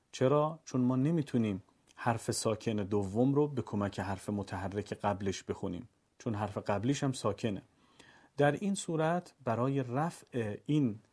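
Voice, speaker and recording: A man teaching the rules of Quran recitation, explaining step by step and chanting the examples in a slow, melodic voice. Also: medium pitch, dark tone. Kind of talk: instructional explanation.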